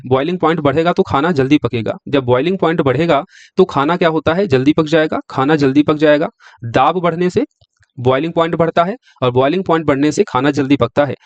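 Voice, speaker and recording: Male teacher, exam-prep science lecture, raised pitch, dry dull recording, asks and answers his own questions. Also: no room sound. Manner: asks the class questions and answers them himself. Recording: dry, slightly dull lo-fi sound.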